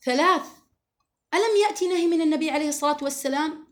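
Fast-talking high-voiced woman teaching religion. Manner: earnest, emphatic, quotes scripture often. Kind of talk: religious lesson to women.

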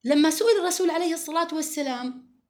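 Fast-talking high-voiced woman teaching religion. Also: animated. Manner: earnest, emphatic, quotes scripture often. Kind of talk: religious lesson to women.

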